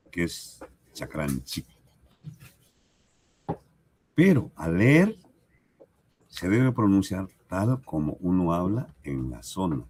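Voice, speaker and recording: Slow deep-voiced Peruvian language teacher. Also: male voice, a little mellow, breathy edge. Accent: Peruvian Spanish. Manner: slow, deliberate, repeats examples and asks "¿correcto?". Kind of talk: recorded lesson.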